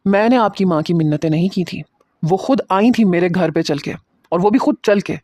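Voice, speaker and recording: A man voicing a defiant, sharp-tongued young bride who scolds and threatens her new husband. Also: sits high, no room sound, clean studio sound.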